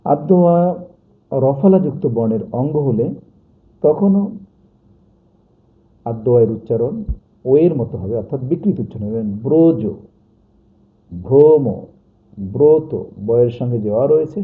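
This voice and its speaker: A male teacher giving a pronunciation lesson, slowly dictating and repeating example words. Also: mid-range voice, animated. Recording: tinny phone-like sound.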